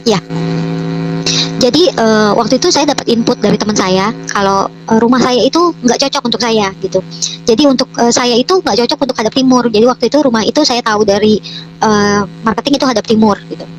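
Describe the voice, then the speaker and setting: A woman's voice: a little high, a little fast. A woman telling her personal testimony as an interview guest, hesitant with many fillers, acting out her own prayers. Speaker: guest giving a conversion testimony. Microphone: microphone she can move away from. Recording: noisy line with mains hum.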